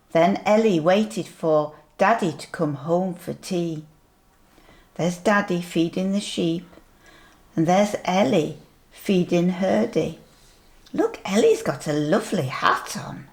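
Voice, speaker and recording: A sweet grandmotherly older woman reading a picture book aloud to young children, gently pointing things out as she goes. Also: medium pitch. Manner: slow, deliberate storytelling with asides.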